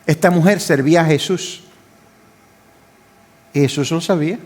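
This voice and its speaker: An older man preaches from the pulpit with fervour. His voice sits a little high, rising into loud pleading and dropping into quiet asides to his congregation. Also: normal speed. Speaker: pastor. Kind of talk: sermon.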